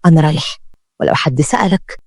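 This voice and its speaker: A defiant, poor Egyptian woman who digs graves, read by a storyteller. She talks fast and insistently, pleading and determined. The recording is dry and close. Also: mid-range voice, gravelly, darkish tone, no room sound. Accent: Egyptian Arabic.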